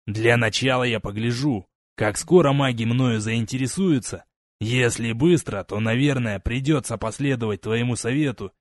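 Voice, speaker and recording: A man's voice: medium pitch, no room sound, close to an everyday voice. A man voicing a wry, seasoned army captain in an audiobook. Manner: wry, measured.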